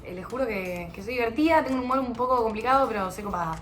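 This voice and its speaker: A woman's voice: on the high side, expressive, quick pace. A young woman from Argentina with a Rioplatense accent, chatting casually and self-mockingly to camera in a home vlog. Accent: Rioplatense Argentine Spanish. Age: young adult. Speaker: vlogger. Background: music.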